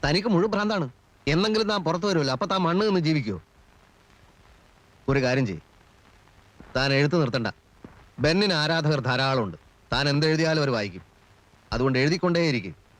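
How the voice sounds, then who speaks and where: An actor playing a lawyer who talks in a mocking, exasperated way. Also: male voice, a little high, animated, a little fast, long pauses, fairly bright tone, no echo, low-quality recording.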